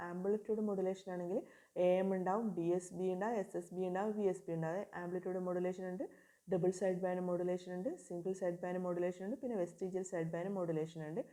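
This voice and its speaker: A woman lecturing on communication systems, who reads English definitions slowly and then explains them in Malayalam. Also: lowish voice, mellow. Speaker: engineering lecturer.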